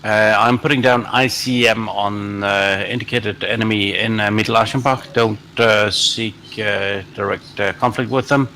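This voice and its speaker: A man commanding a team in a military simulation game, giving deliberate, halting tactical orders in formal radio procedure. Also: on the low side, steady tone, bright, forceful tone, slight background noise.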